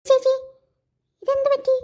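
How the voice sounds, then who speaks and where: A woman's voice: extremely high pitch, monotone, unhurried, mellow, pitched above the performer's own voice. A woman voicing a whiny little sister. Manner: whiny, pleading. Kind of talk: cartoon voice acting.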